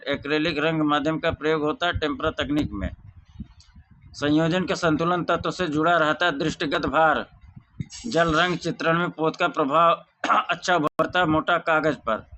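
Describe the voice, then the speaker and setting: A man teaching an exam revision lesson, reciting questions and answers in a steady drilling way. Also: fairly high pitch, moderate pace. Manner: softer, chatty sign-off to viewers.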